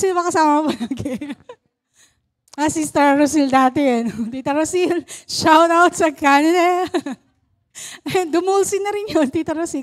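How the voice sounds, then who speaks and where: High-voiced Filipino woman preaching. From Philippines. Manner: chatty, laughing, asks "Amen?" often. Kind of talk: Taglish sermon.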